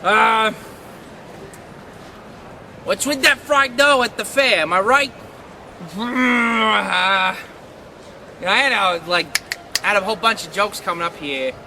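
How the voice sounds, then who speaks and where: A man playing a deluded, boastful washed-up circus prop comic who rambles haltingly and defensively in a mock-documentary interview. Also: sits high, background noise. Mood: bitter, defensive.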